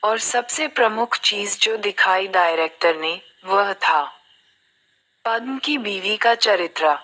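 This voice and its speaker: A woman's voice: mid-range voice, takes it slowly, bright, forceful tone, low-quality recording. A woman narrating a film review in a reflective, storytelling manner.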